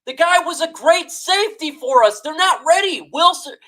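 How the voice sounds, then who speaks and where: High-voiced fired-up woman ranting live. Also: lively intonation, moderate pace, rough recording. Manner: reads out chat shout-outs. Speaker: sports live streamer. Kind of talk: live-stream rant to chat.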